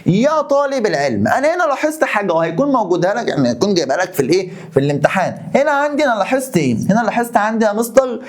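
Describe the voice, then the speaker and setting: A man's voice: sits high, big pitch swings, very fast, few pauses. A man with an Egyptian accent teaching an Arabic grammar lesson, asking and answering his own questions and repeating key terms. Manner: coaxing, talks straight to the student.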